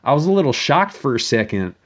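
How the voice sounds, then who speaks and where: A man with an average-pitched voice rambles through a profane comic monologue. He is crude and foul-mouthed, often stammering and repeating words as he gets to his point. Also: sing-song, a little fast.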